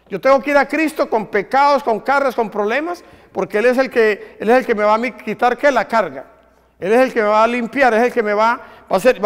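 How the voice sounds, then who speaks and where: A man preaching a sermon, asking the congregation questions and answering them himself. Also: very high voice. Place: church hall. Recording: long reverb of a church hall.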